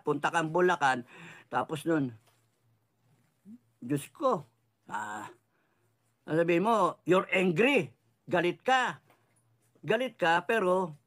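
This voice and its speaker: A fired-up middle-aged man rants about politics in a high, lively voice that leaps up and down. He is sarcastic and swears freely, dropping English phrases into his talk. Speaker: political commentator. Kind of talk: heated political rant.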